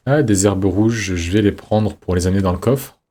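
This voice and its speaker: A man's voice: deep voice, moderate pace, warm tone, husky. A man giving casual let's-play commentary, chatty, reading in-game notes aloud with jokey asides. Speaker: streamer playing a horror game.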